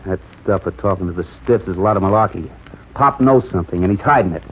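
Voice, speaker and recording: A brash young reporter on an old radio show. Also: male voice, sits low. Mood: brisk. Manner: brisk, take-charge. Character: brash young male newspaper reporter, determined. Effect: old radio show sound. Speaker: lead character. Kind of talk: 1940s radio drama acting. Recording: tinny 1940s radio broadcast with faint hiss.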